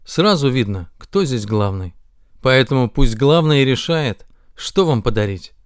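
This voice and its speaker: A man voicing a kindly, calm old Santa Claus in a children's fairy tale, speaking low and softly. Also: measured pace, clean tone, dry recording, clean studio sound, close to an everyday voice. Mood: approving.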